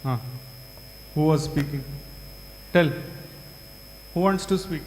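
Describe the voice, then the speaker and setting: A man's voice: fairly high pitch, takes it slowly, faint music behind. South Indian man teaching in an echoey hall. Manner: repeats answers, prompts with short questions and tag words. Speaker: yoga teacher questioning students. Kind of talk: interactive classroom lecture to a large group. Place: large hall. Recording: echoey hall, reverberant, faint hum.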